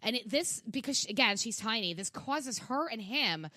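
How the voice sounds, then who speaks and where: Animated, cursing young woman telling a story. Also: a little high, moderate pace, no room sound. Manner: animated, profane, rambling with many fillers. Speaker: podcast guest. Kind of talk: casual storytelling chat.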